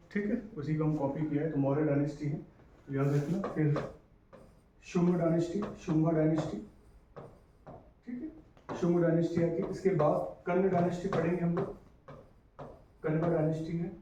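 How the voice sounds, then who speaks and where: A male history teacher giving a casual exam-prep lecture in mix, often checking in with his students by asking whether things are clear. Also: on the high side, warm tone, muffled recording. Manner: repetitive, checks in with "clear guys?". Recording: echoey room, distant mic, faint hiss.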